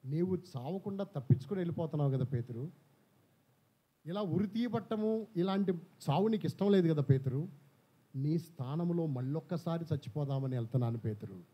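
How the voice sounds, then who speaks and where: A man's voice: on the high side, animated, brisk, slightly rough. A man preaching, voicing the Lord with earnest pleading that keeps repeating a name. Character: the risen Lord, grave and pleading. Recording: slightly dull church recording.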